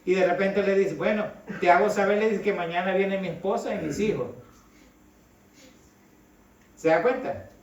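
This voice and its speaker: A man's voice: high voice, moderate pace, pauses often, darkish tone, dull audio. A middle-aged man from El Salvador, preaching a sermon in a conversational way and often calling his listeners brother. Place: church hall. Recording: echoey hall, voice from a distance.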